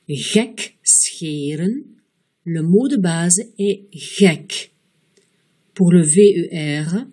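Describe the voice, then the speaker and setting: A woman teaching a pronunciation lesson, explaining rules step by step and slowing down to model each example word. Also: on the low side, warm tone, slightly rough. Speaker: language teacher. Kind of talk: slow, careful pronunciation lesson.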